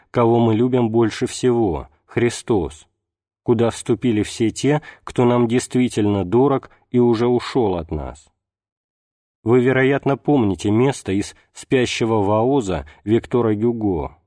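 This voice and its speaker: A man reading a religious text aloud as an audiobook narrator, in a measured, unhurried way. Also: mid-range voice, warm tone, no echo, studio quality. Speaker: audiobook reader.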